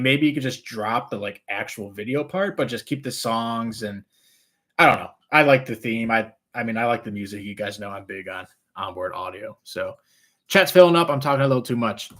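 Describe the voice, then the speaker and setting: A man's voice: medium pitch, lively intonation, a little fast, fairly bright tone. A man with trouble saying his R's, which sound like W's, chatting casually and answering viewer questions as a rambling, easygoing live stream host.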